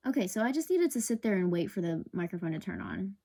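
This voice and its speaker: A woman's voice: mid-range voice, very animated, fast, warm tone. A young woman hosting a casual solo podcast into a sensitive desk microphone, rambling and self-conscious, full of fillers. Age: young adult. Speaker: podcast host.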